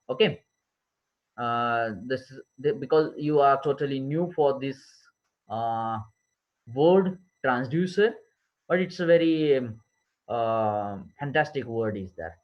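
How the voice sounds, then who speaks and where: A man, an engineering lecturer who slowly dictates notes and repeats terms for his class. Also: medium pitch, highs cut off. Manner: slow, repetitive dictation, switching between English and Marathi.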